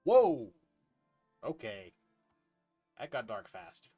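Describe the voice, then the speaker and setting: A man narrates his own gameplay in a loose, rambling way, thinking out loud and cutting sentences short. His voice rises and falls freely, and faint game music plays behind him. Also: mid-range voice, big pitch swings, normal speed. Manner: chatty, thinks aloud, trails off mid-sentence. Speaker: streamer. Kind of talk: casual gameplay commentary.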